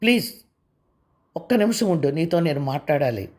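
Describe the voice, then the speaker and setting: A woman's voice: sits low, lively intonation, normal speed, darkish tone. A woman voicing a long-patient young husband who speaks firmly and insistently. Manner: firm and insistent.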